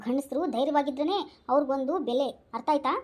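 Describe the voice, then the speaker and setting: A woman's voice: high voice, fairly even intonation, fast talker, lightly acted. A woman voicing a bold young village wife who scolds and wails. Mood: scolding. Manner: scolding, loud, dramatic wailing.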